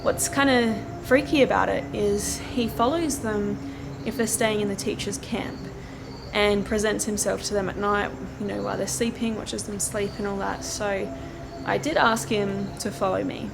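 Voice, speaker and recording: A woman's voice: medium pitch, steady tone, moderate pace, vocal fry, over music. A woman talking to camera as the host of a paranormal investigation vlog, moving between narration and casual chat. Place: outdoors at night on camp grounds.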